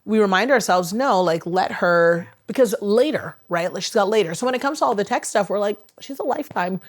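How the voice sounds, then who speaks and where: A woman's voice: medium pitch, fairly quick. A woman around forty, a podcast guest telling stories in casual chat, acting out quotes and laughing often. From United States. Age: about 40. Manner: animated storyteller, acts out quotes, laughs often.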